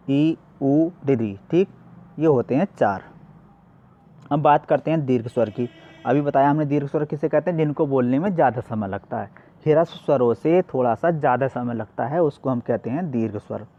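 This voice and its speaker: A man's voice: medium pitch, dark tone, no room sound, lo-fi sound. A male teacher giving a classroom lesson, asking questions and answering them himself.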